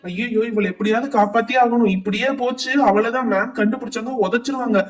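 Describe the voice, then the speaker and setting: A woman's voice: fairly high pitch, steady tone, quick pace, lightly acted. A woman voicing a meek, nervous schoolchild talking to the teacher. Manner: meek, pleading. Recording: echoey room, distant mic.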